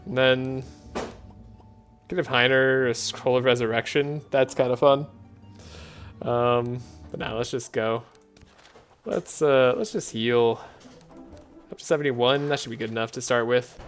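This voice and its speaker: A man streaming a card game, talking in a soft, relaxed, sleepy way with frequent chuckles. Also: medium pitch, unhurried, pauses often, faint music behind. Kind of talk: relaxed gameplay commentary.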